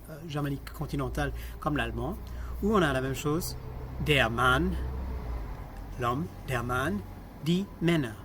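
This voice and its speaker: A man's voice: a little high, slight background noise. A man lecturing on linguistics, explaining step by step, asking the class questions and repeating example words.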